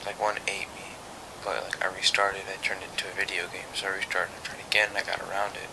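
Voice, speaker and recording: Hushed, very low, gravelly young man. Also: flat delivery, fast talker, noisy background. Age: young adult. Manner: hushed, half-whispered, rambling, with swearing. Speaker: vlogger. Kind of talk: casual late-night storytelling to camera. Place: small bedroom at night, indoors.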